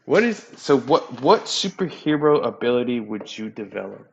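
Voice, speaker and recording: A young man hosting a casual podcast chat at home, loose, profane and quick to laugh. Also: mid-range voice, sing-song, vocal fry, muffled recording, a little hiss or hum. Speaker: podcast host. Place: home room.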